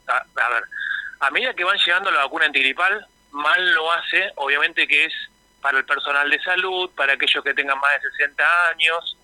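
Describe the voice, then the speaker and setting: A man's voice: a little high, a little fast, sharp tone, no room sound, low-quality recording. A man with an Argentine Spanish accent, a health official explaining things in a radio interview. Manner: explanatory, informative.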